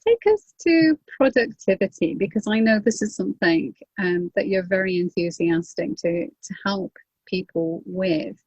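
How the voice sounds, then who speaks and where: A woman's voice: mid-range voice, moderate pace, darkish tone, slightly rough, no room sound, dull audio. A woman in her fifties hosting an interview in a chatty, laughing way. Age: 50s. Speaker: host. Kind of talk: casual interview chat.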